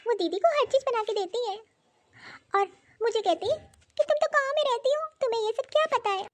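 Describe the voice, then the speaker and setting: A woman voicing a young village girl who is sad and tearful, in a plaintive, complaining way, for an animated story. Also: very high-pitched, a little fast, voice pushed up. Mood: hurt, tearful.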